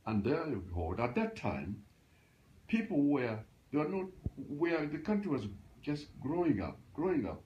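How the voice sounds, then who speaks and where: A man in his eighties from Uganda, reminiscing in a home interview, halting and restarting as he recalls his past. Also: a little high, lo-fi sound, a little hiss or hum. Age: 80s. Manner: halting, restarts often, animated when recalling. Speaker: interviewee, grandfather. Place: grandparents' house, indoors.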